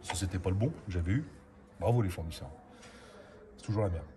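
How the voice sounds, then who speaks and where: A man walks through a car repair in a casual, chatty way, dropping filler words as he goes. His voice sits on the low side. The garage recording is noisy. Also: a little fast, warm tone. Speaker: amateur mechanic host. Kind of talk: casual how-to commentary.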